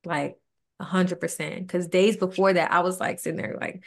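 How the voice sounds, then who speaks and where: A woman's voice: fairly low pitch, moderate pace, gravelly. Earnest young woman telling a heartfelt story. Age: 20s. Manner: earnest, animated retelling with quoted dialogue. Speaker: podcast co-host.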